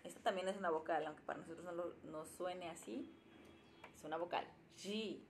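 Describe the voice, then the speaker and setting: A woman casually thinking aloud during a live study session, slowly sounding out letters as she writes them. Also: on the low side, slight background noise. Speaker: language learner streaming her study sessions.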